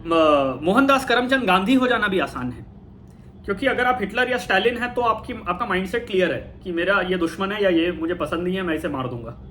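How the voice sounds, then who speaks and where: Bright, high-voiced man musing aloud. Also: lively intonation, fairly quick, a little hiss or hum. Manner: thoughtful, with frequent fillers and self-corrections. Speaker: talk host. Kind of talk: casual spiritual talk.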